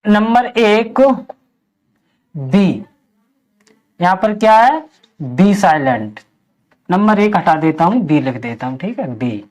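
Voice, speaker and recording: A man's voice: high voice, lively intonation, takes it slowly, pauses often, a little mellow. A man teaching English pronunciation, spelling words letter by letter and drilling each answer with a repeated question. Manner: patient, explanatory. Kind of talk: step-by-step spoken lesson.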